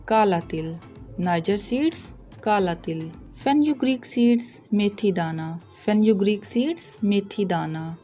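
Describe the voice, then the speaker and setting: Woman teacher, slow patient vocabulary drill, warm low-key tone. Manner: patient, deliberate, corrects pronunciation. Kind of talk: slow vocabulary drill, repeating each word.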